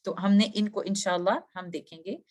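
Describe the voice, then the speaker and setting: A woman teaching a recitation lesson, patiently explaining and slowly demonstrating sounds, mixing English terms into her speech. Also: mid-range voice, fairly even intonation, a little mellow. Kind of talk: tutorial lesson.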